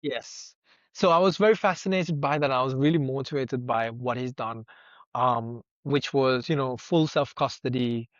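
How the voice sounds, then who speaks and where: Here the young Sinhala-speaking guest from Sri Lanka has a mid-range voice and a moderate pace, with no echo around him. Thinking aloud with rhetorical questions, he comes across as earnest and reflective in a conversational interview captured in dull, dry lo-fi sound.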